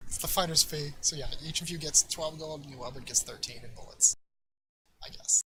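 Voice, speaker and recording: A man's voice: on the high side, a little fast, pushed and bright, a little hiss or hum, low-quality recording. A man running a tabletop game as dungeon master, casually explaining rules and loot at length.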